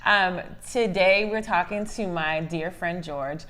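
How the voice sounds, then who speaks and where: A woman's voice: on the low side, slow pace, fairly bright tone. A woman hosting a casual interview, bubbly and friendly, laughing easily with her guest. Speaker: host.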